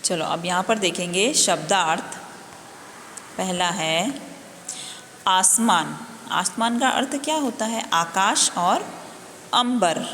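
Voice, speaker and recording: A woman's voice: fairly low pitch, a bit bright. A woman teaching a Hindi lesson to young children, patiently spelling out and repeating each word. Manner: slow, patient, spelling words out and repeating them. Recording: echoey room, faint background noise.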